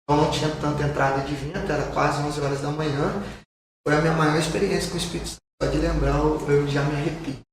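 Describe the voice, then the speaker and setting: A pastor with a Brazilian Portuguese accent tells a personal testimony in a podcast, in an earnest storytelling manner and repeating phrases for emphasis. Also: male voice, fairly high pitch, level tone, fast. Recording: very echoey room, distant mic, faint noise.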